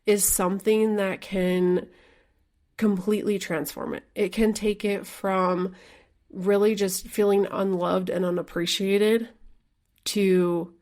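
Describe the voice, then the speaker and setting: A woman's voice: medium pitch, little pitch movement, slow, a little mellow. A woman hosting her own podcast as a life coach, talking candidly and casually in a solo monologue, filling her speech with "like" and the odd swear word. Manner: chatty, frequent "like" fillers, candid with mild swearing.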